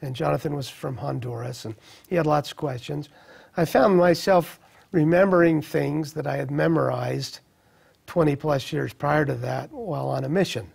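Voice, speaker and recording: A middle-aged man telling a personal testimony in an earnest, reflective way, with halting restarts. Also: on the high side, vocal fry, a little mellow, slightly rough. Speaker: speaker sharing a personal testimony. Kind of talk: personal storytelling.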